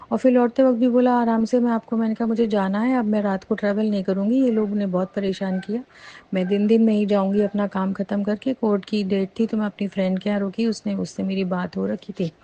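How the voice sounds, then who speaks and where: A woman's voice: fairly high pitch, lo-fi sound. Earnest woman telling a devotional story. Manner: earnest, animated retelling with frequent fillers. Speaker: devotee sharing a testimony. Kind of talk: casual personal storytelling.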